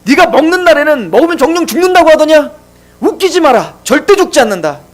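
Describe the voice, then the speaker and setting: A man's voice: very high voice, big pitch swings, fast talker, pitched above the performer's own voice. A man voicing a sneering male tempter, the devil, who mocks and goads with rhetorical questions. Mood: taunting. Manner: taunting, mocking rhetorical questions.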